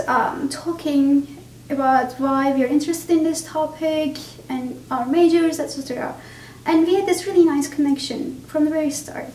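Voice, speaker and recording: A woman from Turkey recalling an experience in an interview, measured and thoughtful. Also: high voice, a little mellow. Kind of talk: reflective interview recollection. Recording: echoey room, mic at a distance, faint background hiss.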